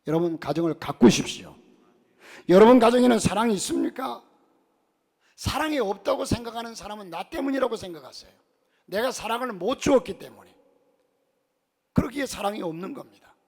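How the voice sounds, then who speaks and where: A male pastor delivers a sermon in a church, his voice pitched high with a gravelly rasp. He weaves folksy, humorous stories into his preaching and swings between loud declarations and quiet asides. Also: animated, fairly quick, long pauses.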